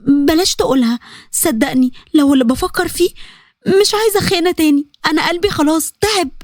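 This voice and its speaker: A woman's voice: high voice, fast talker, dry recording, clean studio sound, pitched above the performer's own voice, close to an everyday voice. A woman doing a sobbing heartbroken young woman. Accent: Egyptian Arabic. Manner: tearful, pleading, rising to outbursts.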